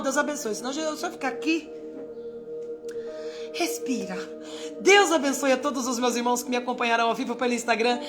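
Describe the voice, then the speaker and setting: A fervent woman preacher, speaking in a high voice. She talks to her listeners directly and acts out prayers to God. Music plays clearly behind her. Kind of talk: live-streamed daily devotional.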